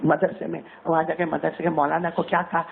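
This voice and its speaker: A man's voice: on the high side, little pitch movement, creaky, slight background noise. A man preaching a sermon to women, telling a story dramatically and rising to cries when quoting. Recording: tinny phone-like sound.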